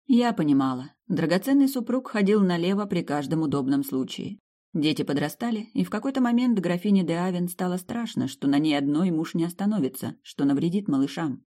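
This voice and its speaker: A woman reading a first-person audiobook narration in a calm, even storytelling manner. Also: on the low side, brisk. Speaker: audiobook reader.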